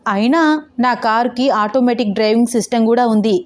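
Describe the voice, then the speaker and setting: A woman's voice: a little high, steady tone, brisk, natural voice. A woman voicing a timid, sulky young woman who whines and pouts while learning to ride a scooter. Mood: defensive. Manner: whiny, pouting. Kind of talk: audio novel character reading.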